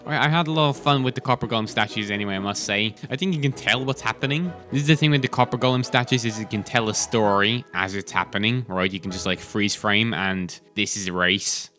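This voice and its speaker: A man gives chatty, enthusiastic gameplay commentary with a bright, forceful tone and a slightly low voice. He talks while chewing gum, and faint music plays underneath. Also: quick pace, few pauses. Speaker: host.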